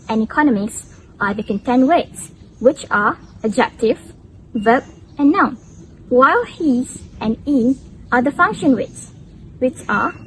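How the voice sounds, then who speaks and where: A woman's voice: high voice, a little hiss or hum, poor audio. A young woman student presenting a scripted lesson on English pronunciation in a careful, explanatory way. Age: young adult. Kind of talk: scripted educational narration.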